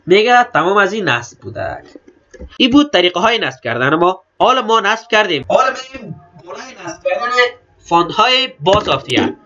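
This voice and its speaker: High, sing-song and bright, this man's voice carries a forceful tone. He's a computer instructor with an Afghan Dari accent, plainly explaining each click in a step-by-step tutorial and repeating the steps, captured on a slightly dull lo-fi recording.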